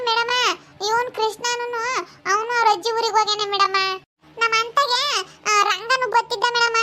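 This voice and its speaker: A woman's voice: extremely high pitch, sharp tone, pitched above the performer's own voice. A woman voicing an eager small child who keeps calling for the teacher's attention.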